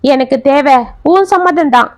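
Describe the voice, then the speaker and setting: A woman's voice: high-pitched, unhurried, no room sound. A woman voicing an earnest young male suitor. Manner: earnest, pleading.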